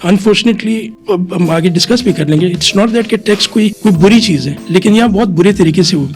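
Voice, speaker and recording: Speaking at a normal speed over soft background music, this high-voiced middle-aged man is a chartered accountant from Quetta, Pakistan. As a podcast interview guest he gives long explanations in Urdu peppered with English phrases and frequent "theek hai."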